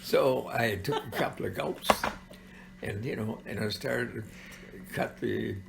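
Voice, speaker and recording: Very creaky, gravelly grandpa voice. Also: male voice, mid-range voice, very noisy. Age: elderly. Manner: grandpa voice, halting and rambling with frequent pauses. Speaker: grandfather telling childhood stories. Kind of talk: informal oral storytelling.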